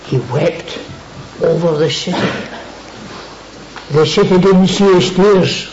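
A man preaches a sermon in a fairly high voice, repeating key words for emphasis. The recording sounds roomy and echoey, with a dull, lo-fi tone and a faint hiss underneath. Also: a little mellow. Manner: dwells on words with emphatic repetition.

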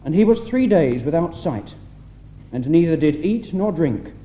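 On a muffled 1960s tape with a faint hiss, a man reads scripture aloud with solemnity at a church meeting. His voice is slightly high and very animated, and he keeps a measured pace.

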